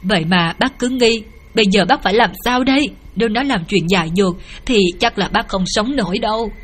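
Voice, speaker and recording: A woman's voice: mid-range voice, a little fast, breathy edge, close to an everyday voice. Woman narrator as a distraught middle-aged mother, tearful, pleading.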